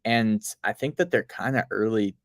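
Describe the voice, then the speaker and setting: A man's voice: fairly low pitch, normal speed, vocal fry, no room sound, clean studio sound. A man from Boston with a light Boston accent, co-hosting a casual show in a laid-back, rambling way. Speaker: co-host. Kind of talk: casual podcast chat.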